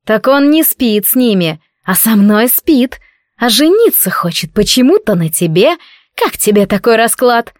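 A woman's voice: a little high, very animated, a little slow, no echo, studio quality, voice pushed up. A woman voicing a spiteful, jealous young maid who talks in a venomous, mocking hiss.

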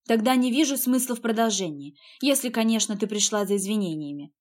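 A woman reading the part of an icy, clipped rich husband from a spoken romance novel. The voice stays flat and measured, and it sits a little high because the narrator keeps her own voice. Every line is short and cold. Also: natural voice. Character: cold, curt wealthy husband, man.

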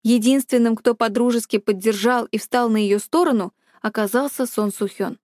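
Woman audiobook narrator, a touch high, steady scripted reading, dry booth sound. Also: moderate pace, dry recording.

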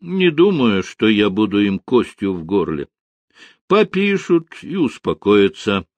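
A man reading an audiobook, voicing a reserved Soviet marshal who speaks calmly and modestly. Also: fairly low pitch, a little slow, dry recording.

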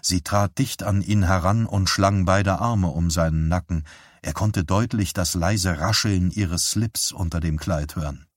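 A man narrating a novel as an audiobook in a calm, measured reading. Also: low-pitched, no echo, studio quality. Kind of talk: scripted narration.

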